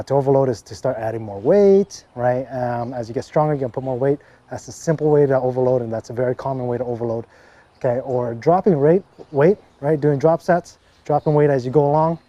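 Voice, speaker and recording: A man giving casual workout instruction as a fitness coach, relaxed and full of fillers and "okay, right?" check-ins. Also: medium pitch, a little fast. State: briefly out of breath after a set.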